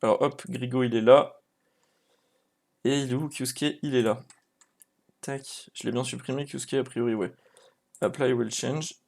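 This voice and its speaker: A man streaming live and running a prize draw, chatting casually and excitably with his viewers by name. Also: mid-range voice, unhurried, gravelly, long pauses.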